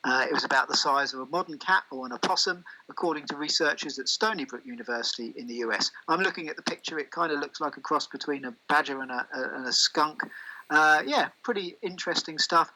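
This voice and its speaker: A man's voice: a little high, sharp tone, rough recording. A man co-hosting a casual podcast, reading out news stories and steering the chat. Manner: reads news items aloud and steers the show. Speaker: podcast co-host.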